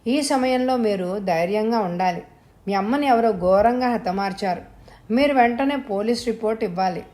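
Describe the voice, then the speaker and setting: A woman reading the part of a young wife who speaks calmly and in measured sentences. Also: medium pitch, close to an everyday voice. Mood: composed. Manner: calm, measured. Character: young wife, cool and composed.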